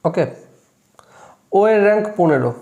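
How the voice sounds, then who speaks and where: A man's voice: sits high, lively intonation, normal speed, vocal fry, darkish tone. A man teaching a class at a board, counting aloud step by step and checking his work. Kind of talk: classroom lesson. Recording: echoey room.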